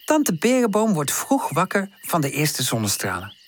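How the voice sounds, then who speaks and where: A woman narrating a children's storybook in an expressive manner. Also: sits low, moderate pace. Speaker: audiobook narrator.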